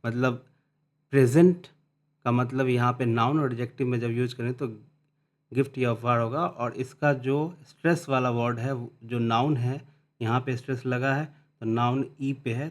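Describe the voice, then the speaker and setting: Man teaching phonetics, slow readouts. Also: mid-range voice, steady tone. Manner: reads English definitions slowly, then explains in Hindi; restarts and repeats words while explaining. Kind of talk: explaining English phonetics.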